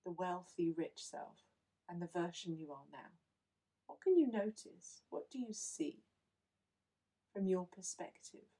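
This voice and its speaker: A woman leading a guided visualization in a slow, soothing, instructive way. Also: fairly low pitch, animated, mellow, low-quality recording. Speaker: meditation guide.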